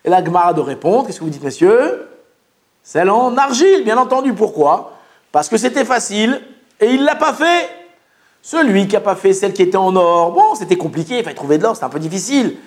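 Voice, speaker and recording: A man's voice: high voice, big pitch swings, quick pace. A man teaching a religious lesson, asking rhetorical questions and answering them himself, often checking in with his listeners. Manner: addresses listeners directly, frequent "d'accord?". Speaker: Torah teacher.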